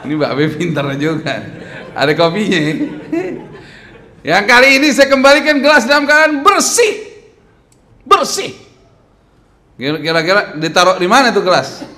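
Animated, bright-voiced young preacher man. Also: mid-range voice. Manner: animated, quizzing the crowd, joking. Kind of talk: lively sermon with audience questions. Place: mosque hall lecture at a lectern. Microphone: stand mic on lectern.

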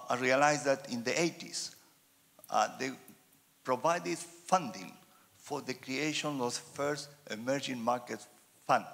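Chilean man, gravelly voice, asks a rambling question from the floor via roving mic in a reverberant hall. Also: mid-range voice, a bit bright. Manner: halting, many fillers. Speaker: audience member asking a question. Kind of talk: audience question at a panel event. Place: large wood-panelled hall. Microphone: roving handheld mic.

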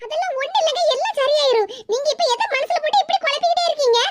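Very high-pitched and very fast, with lively intonation, this voice comes through a very noisy recording. The actor plays a worried middle-aged cartoon wife and mother in Kanyakumari Tamil, pleadingly coaxing, repeating her pleas and fretting aloud in a comedy piece.

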